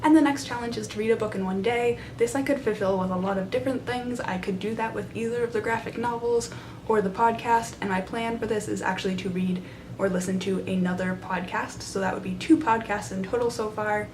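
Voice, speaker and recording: Young woman vlogging in a small room, excited chatty talk, medium pitch, clear background rumble. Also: fairly quick. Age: young adult. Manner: enthusiastic. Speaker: book vlogger. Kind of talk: casual chat to camera. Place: small side room in a library, indoors. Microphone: camera at arm's length. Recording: noisy room with low rumble.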